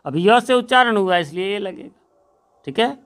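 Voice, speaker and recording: Smooth-voiced male grammar teacher. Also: sits high, animated, a bit bright. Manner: slow, deliberate reading of example sentences, frequent tag question "है ना". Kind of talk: explanatory grammar lesson.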